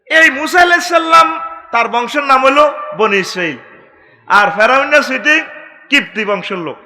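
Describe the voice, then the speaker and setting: A middle-aged man preaching a waz sermon, storytelling comically with sudden shouts. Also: extremely high pitch, lively intonation, normal speed.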